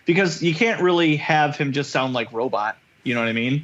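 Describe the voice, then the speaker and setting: A man's voice: a little high, animated, brisk, a bit bright, lo-fi sound. A man co-hosting a podcast, sharing opinions casually and hedging with like and you know what I mean. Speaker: podcast co-host. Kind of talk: casual chat.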